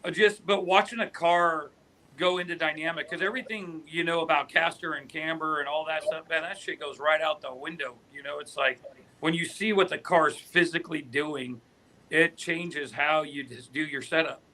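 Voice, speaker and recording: A man's voice: fairly high pitch, steady tone, normal speed, sharp tone. An older man, a grandfather, co-hosting a casual racing chat in an easygoing way.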